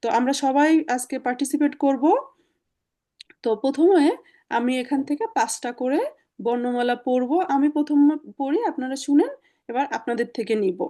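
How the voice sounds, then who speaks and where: A woman's voice: high-pitched, moderate pace, warm tone. A woman teaching German in an online class over a video call, explaining patiently step by step with many fillers.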